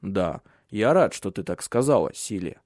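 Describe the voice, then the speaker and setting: A man voicing a steady, protective husband and father in an audiobook. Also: deep voice, unhurried, dry recording, clean studio sound. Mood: calm. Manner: firm, commanding.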